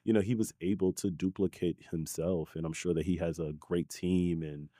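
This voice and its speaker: Guest spot: deep, warm-toned man, born in Haiti, raised in New York, animated and chatty. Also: normal speed, dry recording, studio quality. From Haiti, raised in New York City. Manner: animated, tags lines with "right?" and "you know?". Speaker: guest, community founder. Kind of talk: casual interview conversation.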